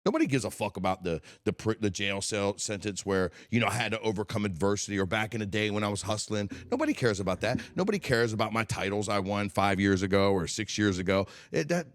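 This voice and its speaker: A man's voice: fairly low pitch, expressive, fast, hardly any pauses. A man in his forties hosting a solo motivational podcast, speaking in an impassioned and blunt way, swearing often and repeating words as he thinks. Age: 40s. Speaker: podcast host.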